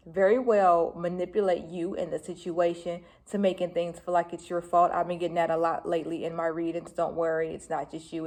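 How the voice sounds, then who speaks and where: Woman, tarot reader, casual reading, fast and chatty, blunt slang, slightly low voice. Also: mellow.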